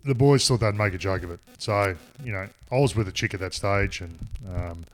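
A man's voice: lowish voice, fairly quick. A middle-aged man with an Australian accent telling a rambling, crude story in casual chat. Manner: rambling, crude, laughs at himself.

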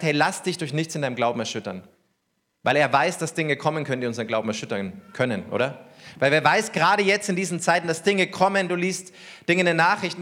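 A man's voice: fairly high pitch, fairly bright tone. A man preaching a sermon as pastor, talking conversationally and asking the congregation questions.

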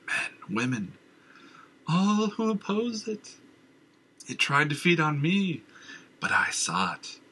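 A man voicing a haunted, raving madman who leaps between shrill cries and rasping whispers. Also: pushed and bright, heavily acted, poor audio. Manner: wild cackling ravings, drops to rasping whispers. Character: raving mad old man, haunted and twitchy.

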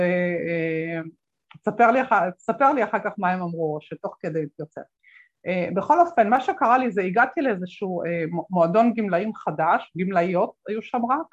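A woman guest telling stories in an interview, animated, acting out the voices of people she quotes, with many fillers. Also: mid-range voice, highs cut off. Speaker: guest speaker. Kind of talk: conversational interview storytelling.

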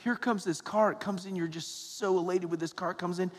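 A man with a fairly high voice and an American accent speaks as a priest at Mass. His words ring through a big church with long, cathedral-like echo. The delivery is that of a sermon, plain and addressed to a congregation. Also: steady tone, fairly quick. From Georgia, United States. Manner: conversational, folksy, often tags phrases with "right?" and "okay?". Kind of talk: sermon and Gospel reading at Mass. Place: large reverberant church interior. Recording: echoing church hall, long cathedral-like reverb.

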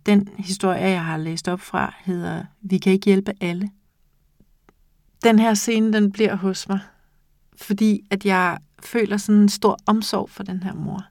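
A woman hosting a podcast, reading a literary story aloud in a calm, measured, intimate way and then reflecting on it. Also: medium pitch, dry recording, clean studio sound. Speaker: podcast host reading fiction.

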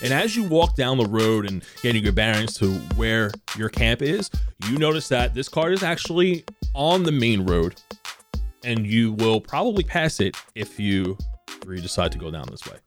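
Man, game master, relaxed tabletop narration, casual fillers, mid-pitched voice, background music. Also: moderate pace.

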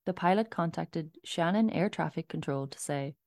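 Irish female co-host, deep-pitched, chatty with easy laughter. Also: normal speed, darkish tone. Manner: laughs often, conversational. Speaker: podcast co-host. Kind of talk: casual chat.

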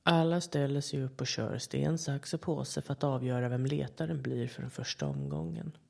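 A podcast storyteller narrates horror calmly and in a measured way, his mid-pitched voice carrying a gravelly rasp. He drops in short quoted voices along the way.

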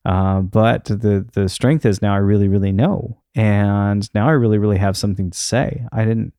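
A man talks off the cuff as a solo podcast host, in a lowish voice with a gravelly fry. He rambles casually and hesitates as he thinks aloud. The sound is close and dry. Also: fairly even intonation, moderate pace, mellow, no echo. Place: untreated room in his house.

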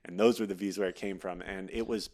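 A man's voice: deep voice, quick pace. A man in his thirties, a podcast guest, telling stories in a casual interview and acting out what other people said. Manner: animated, acts out quoted voices while telling stories.

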